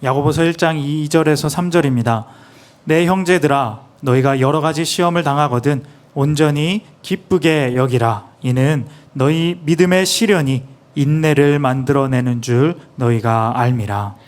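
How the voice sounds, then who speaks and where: A man's voice: a little high, moderate pace. A man interpreting a sermon phrase by phrase, earnest and plain, with small restarts.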